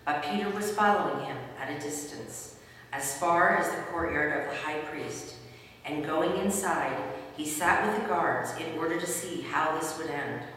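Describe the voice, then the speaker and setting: A woman's voice: sits low, moderate pace, a bit bright. A woman narrating a scripted dramatic Bible reading in a formal storytelling manner. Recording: distant, very echoey hall, faint noise.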